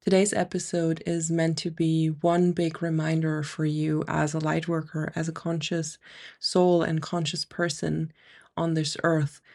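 A woman's voice: sits low, completely flat delivery, a little slow, creaky, darkish tone. A woman hosting a motivational solo podcast as a coach, speaking earnestly and emphatically with a slightly nasal, congested sound. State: congested from an ear infection. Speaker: podcast host and spiritual business coach.

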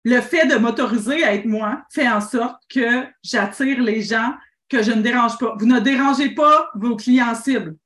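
A Québécoise woman coaches entrepreneurs in a bright, fairly high voice, talking animatedly and restarting her sentences. Her voice rings a little in a roomy space. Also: a little slow. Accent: Québécois French. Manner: animated, rambling, with many restarts. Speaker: business coach and host. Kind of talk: casual call-in coaching talk.

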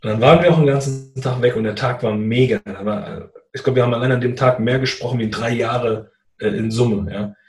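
A man in a casual conversation, telling a personal story in a lively way and acting out what people said. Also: medium pitch, brisk, echoey room. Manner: animated, acts out quoted dialogue. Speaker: guest telling his story.

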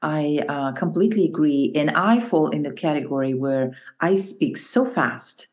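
A woman's voice: low-pitched, moderate pace, a little mellow. A woman hosting a podcast interview, chatty and encouraging, with many fillers as she talks. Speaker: podcast host. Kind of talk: casual interview conversation.

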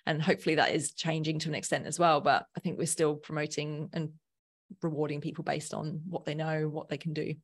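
Low-voiced woman talking informally. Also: little pitch movement, a little fast, husky. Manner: informal, thinks aloud, rephrases often. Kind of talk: conversational podcast discussion.

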